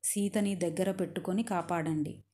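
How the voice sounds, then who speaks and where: A woman voicing a noble, gentle but resolute prince in a storytelling reading, calm and measured. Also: lowish voice, lightly acted. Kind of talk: storytelling narration.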